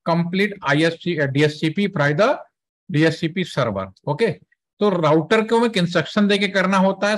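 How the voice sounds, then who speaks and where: Guy teaching a networking class, bit high voice, chatty step by step explaining. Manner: conversational, explaining step by step with Hindi-English mixing; asks students checking questions. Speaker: networking trainer. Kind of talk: classroom lecture with software demo.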